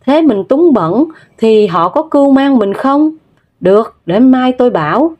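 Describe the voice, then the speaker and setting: A woman voicing a shrill young village wife. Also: animated, measured pace, highs cut off. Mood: sharp. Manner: shrill, sharp. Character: sharp-tongued young village wife and mother.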